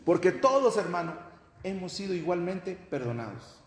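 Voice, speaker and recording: A man's voice: high-pitched, sing-song, moderate pace. A man preaching a sermon as pastor, emphatic and calling out "hermano" to his listeners. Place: church hall. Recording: echoey church hall, faint noise.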